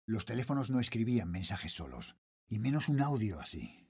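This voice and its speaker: A middle-aged man from Spain, speaking with a Spanish accent, narrates a horror tale in the first person as an uneasy night watchman and father. His lowish voice is very animated at a moderate pace, suspenseful and brooding, with background noise present.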